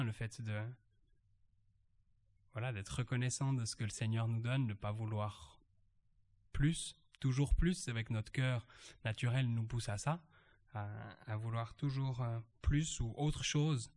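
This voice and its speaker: A man at a church meeting reading Bible verses aloud and reflecting on them, halting and searching for words. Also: mid-range voice, a little mellow. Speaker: church member sharing a reflection.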